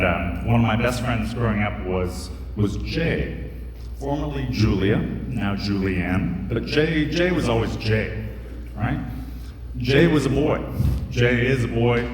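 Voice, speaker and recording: A young American man with a fairly low, unhurried voice tells a joking, chatty story on stage at a live storytelling event, packing it with fillers and asides. There's a little hiss or hum. The echoey hall is picked up from a distance, and the live audience can be heard.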